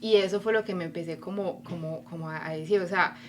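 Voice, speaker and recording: A woman's voice: fairly low pitch, fast talker, slight background noise. Colombian woman telling her story animatedly. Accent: Colombian Spanish. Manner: animated storyteller who acts out her own inner voice. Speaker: guest. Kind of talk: casual interview conversation.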